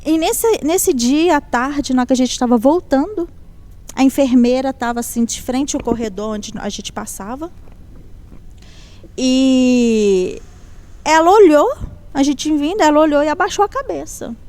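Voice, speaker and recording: A woman with a high voice gives a heartfelt personal testimony. She tells it in a lively way and acts out each line of dialogue as she goes. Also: unhurried. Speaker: guest giving a testimony.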